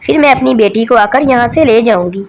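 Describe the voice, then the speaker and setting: A woman doing a soft pleading mother crow. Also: fairly high pitch, a little fast, a little hiss or hum, close to an everyday voice. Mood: soothing. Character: gentle grieving mother crow, female.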